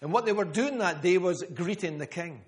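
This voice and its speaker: A man's voice: sits high, lively intonation, normal speed. A man preaching a sermon to a room, emphatic, repeating key phrases and calling on listeners by name. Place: church gathering room.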